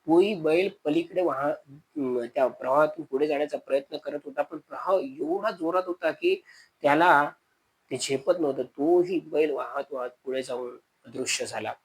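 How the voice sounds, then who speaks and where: A man's voice: mid-range voice, normal speed, breathy edge, low-quality recording. A man telling a spoken horror story, calling his listeners friends and repeating words to build suspense.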